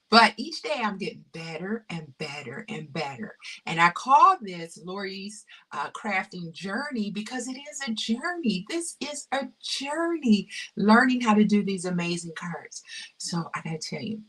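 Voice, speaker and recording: A woman's voice: mid-range voice, lively intonation, measured pace, pushed and bright, far from the mic. A woman hosting a casual crafting livestream, effusive and heartfelt, repeating her phrases and dropping to a whisper at times. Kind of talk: casual live-stream chat.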